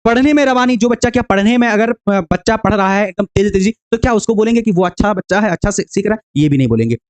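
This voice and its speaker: A man with a notably high voice leads an exam-prep lecture. He works through each question step by step, poses rhetorical questions and answers them himself. He keeps addressing his viewers as dear friends and checks in with a frequent "okay.". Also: expressive, fast talker, clean tone. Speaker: teacher.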